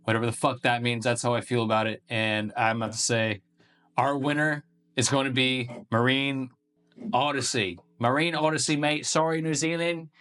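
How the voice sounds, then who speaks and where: A man's voice: medium pitch, flat delivery, normal speed, pushed and bright, smooth. A man hosting a casual beer-tasting review video, talking in a laid-back, profane, slangy way.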